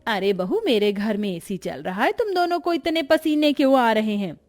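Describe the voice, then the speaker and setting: A woman voicing a brisk, strict-seeming but kind middle-aged mother-in-law in a cartoon story. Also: fairly high pitch, very animated, a little mellow, soft background music. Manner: scolding, teasing.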